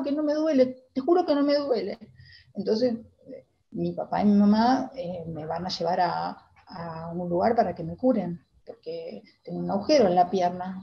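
A woman with an Argentine accent playing a timid young girl in a theater monologue, talking in a hesitant, halting way. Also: mid-range voice, creaky, muffled recording. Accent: Argentine Spanish. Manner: hesitant, halting, many restarts. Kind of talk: theater monologue, reliving a memory.

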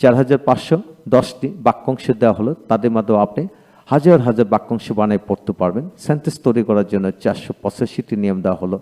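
A man with a Bengali accent teaching English pronunciation in a video lecture, spelling each word letter by letter and repeating it slowly several times. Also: lowish voice, mellow.

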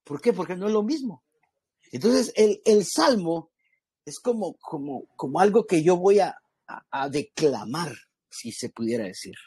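A man teaching a church ministry class in a loose, chatty way, often restarting his sentences. His voice sits a little high and sounds husky. The recording is close and dry, with no room echo. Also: lively intonation, unhurried, a little mellow. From Guatemala. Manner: conversational, addresses listeners as brothers, many restarts and asides. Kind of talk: informal Bible class lecture.

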